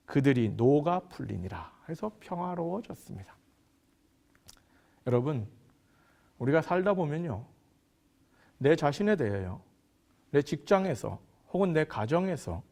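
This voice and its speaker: A male pastor delivers a sermon in a fairly high voice. His pitch swings widely as he rises to acted scripture quotes and drops low for emphasis. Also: darkish tone. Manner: preaching with dramatic pitch swings, quoting scripture.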